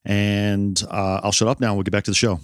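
A man's voice: lowish voice, flat delivery, a little fast, dry recording, clean studio sound. An American man hosting a podcast, chatting casually with a self-deprecating, easy laugh and some swearing. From United States. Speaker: podcast host.

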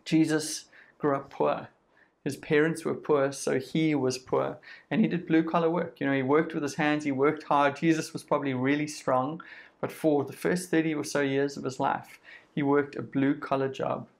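With a somewhat high, creaky voice, level tone, and moderate pace, a South African man preaches in a conversational style. He dramatizes what people say through quoted voices and strings points into lists.

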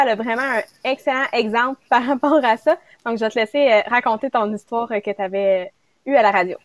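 A woman's voice: on the high side, no room sound. A woman hosting a casual talk show, chatting with small laughing asides. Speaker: host. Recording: dry, dull lo-fi audio.

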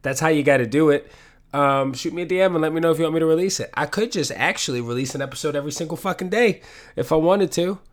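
Fast and fairly high-pitched, a man rambles through a casual solo podcast at home while he's sick with a cold. He sniffles, swears a lot, and pokes fun at himself.

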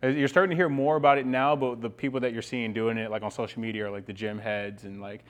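A man's voice: medium pitch, steady tone, quick pace. A young man speaking as a guest coach, explaining things casually and with enthusiasm. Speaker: guest, ice bath workshop coach. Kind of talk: casual explanatory interview talk.

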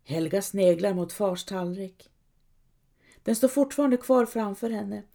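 A woman reading a story aloud as calm scripted narration, lightly voicing quoted characters. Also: mid-range voice, gravelly. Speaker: audiobook narrator.

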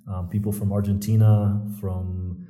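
A man with a lowish, very dark and soft-edged voice hosts a podcast conversation. He is a native English speaker, chatting informally as he interviews, and the room around him echoes. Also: flat delivery, measured pace. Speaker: podcast host. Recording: roomy, echoing space.

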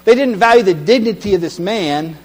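A man preaching a sermon, retelling a story dramatically and swinging from hushed tones to loud cries. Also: high voice, expressive, fairly quick. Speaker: pastor. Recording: long hall reverb with mains hum.

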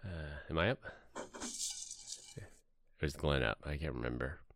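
A man's voice: a bass voice, normal speed, gravelly, fairly bright tone, dry recording. A man telling jokes and bantering casually as a podcast co-host.

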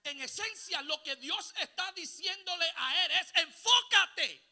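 High, bright-voiced pastor preaching. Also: male voice, normal speed. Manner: call-and-response preaching, rising to shouts; drops in English exclamations. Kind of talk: Pentecostal sermon.

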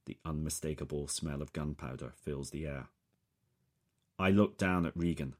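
Very deep-voiced male audiobook narrator. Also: normal speed. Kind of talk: scripted first-person audiobook narration.

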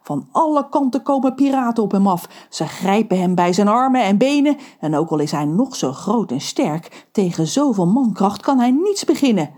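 A woman narrating a children's audiobook with lively, expressive storytelling. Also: medium pitch, normal speed, few pauses.

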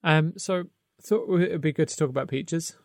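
A man's voice: on the high side, fairly quick, no echo, studio quality. A man co-hosting a podcast, talking casually and hesitantly about a film, with many ums and restarts. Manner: hesitant, full of ums and restarts, laughs often. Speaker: podcast co-host.

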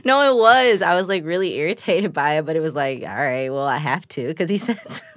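A woman's voice: sits low, animated, fairly quick, no room sound. A woman in her late twenties from Chicago, chatting casually as a guest, with frequent laughs, swearing and fillers. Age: 20s. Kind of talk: casual chat.

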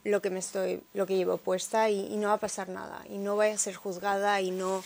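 A woman's voice: mid-range voice, little pitch movement, fairly quick, vocal fry, a little mellow. A young woman with a mixed Spanish and Peruvian accent, chatting casually and telling her story in Spanglish. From born in New York, Peruvian and Spanish parents. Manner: Spanglish, dropping English words into Spanish. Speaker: interview guest, model and sustainable fashion advocate.

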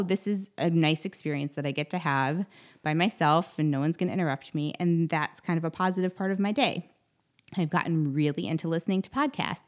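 A woman in her thirties from the United States talks through her solo podcast in a relaxed, rambling monologue. She is chatty and full of asides and fillers. Her voice sits slightly low for a woman. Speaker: podcast host.

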